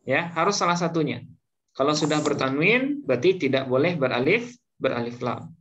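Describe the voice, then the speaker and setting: A man's voice: a little high, expressive, moderate pace, a bit bright. A man teaching Arabic grammar to a class, patiently repeating each point and leaving gaps for students to finish his words. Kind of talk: slow classroom lesson. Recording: dull lo-fi recording, faint noise.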